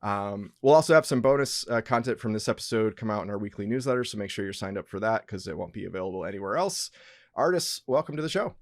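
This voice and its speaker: A man hosting a podcast, talking in an upbeat, conversational way with many fillers, often trailing off softly at the ends of phrases. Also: lowish voice, lively intonation, quick pace, no room sound, clean studio sound. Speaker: podcast host.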